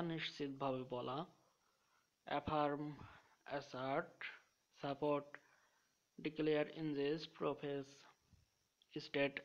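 A man teaching English vocabulary through memory tricks, listing synonyms one by one in a methodical way and slowing down to read example sentences. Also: mid-range voice. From Bangladesh. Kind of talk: explaining English vocabulary with mnemonics. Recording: dull lo-fi recording.

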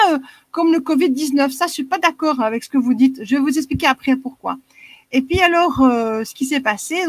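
A woman in her sixties with a Belgian French accent joins a live video call as a caller for a casual chat. Her voice sits high and the recording is dry. She speaks earnestly, rambles a bit, and repeats herself.

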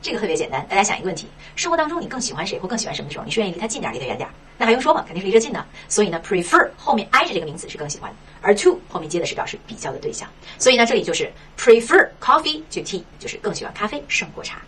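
Woman, English teacher, very rapid, animated pitch, rhetorical questions, distant mic, faint hiss. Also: husky. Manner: lively, rhetorical questions, frequent "是吧". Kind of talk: explaining textbook lesson.

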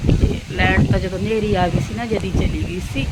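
A woman's voice: steady tone, moderate pace. A woman chatting casually to viewers as a home vlogger, exclaiming and repeating words for emphasis. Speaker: family vlogger. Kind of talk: casual home vlog chat. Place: outdoors at a village home in a windstorm. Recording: very noisy outdoor wind and vehicle-like rumble.

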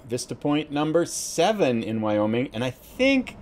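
Speaking at a measured pace in a mid-range voice, a man casually narrates his let's play, musing out loud while he drives through the game. There's a little hiss or hum in the recording.

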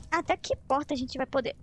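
A woman with a Brazilian Portuguese accent commentating live on a horror game, chatting casually in an excitable, dramatic way with bursts of repeated words. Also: high voice, noisy background. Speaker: streamer playing a horror game.

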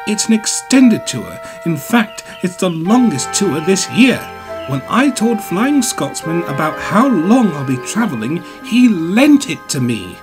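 A man voicing a proud young female steam engine, with a bright, confident manner. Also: high voice, very animated, a little slow, voice pushed up. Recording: music bed behind.

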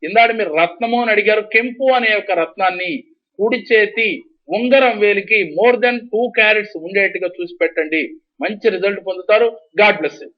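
High-pitched male numerologist, TV call-in, methodical; muffled broadcast sound. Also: fairly quick. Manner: steady, instructive, repeats schedules and numbers. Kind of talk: call-in advice, giving readings. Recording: dull lo-fi TV broadcast audio.

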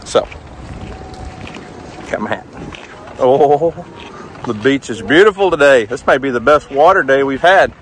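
A man's voice: mid-range voice, animated, unhurried, long pauses. A man, joking and bantering in a casual family vlog, recorded outdoors on a handheld camera. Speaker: family vlogger. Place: outdoors by water and on a beach. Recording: outdoor noise behind the voice.

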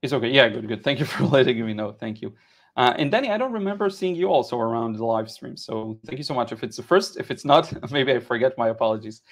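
A man in his thirties from Israel, a watercolor art teacher, talks quickly in a medium-pitched voice while painting on a live stream. Relaxed and chatty, he fills his speech with "uh"s, repeated words and restarts as he explains colors and answers chat. He's recorded on a headset mic in a home studio indoors.

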